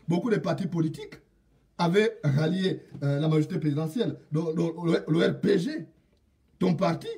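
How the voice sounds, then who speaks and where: A man's voice: high-pitched, warm tone, far from the mic. A man from Gabon addressing a president directly in an indignant political rant, repeating proverbs and lines for emphasis. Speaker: political commentator.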